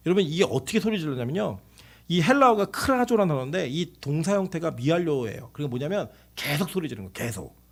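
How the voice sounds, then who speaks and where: Male pastor, night service sermon; high voice, very animated delivery. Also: fast talker. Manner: animated preaching, acting out shouted quotes.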